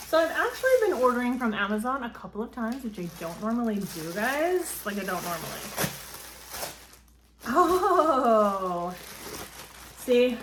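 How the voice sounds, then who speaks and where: A woman's voice: a little high, slight background noise. Woman chatting in an echoey phone video. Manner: chatty and rambling, with frequent ums and likes. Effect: filmed as a phone video. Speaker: book vlogger. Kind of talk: casual book haul chat. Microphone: phone camera. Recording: roomy phone recording, faint ambience.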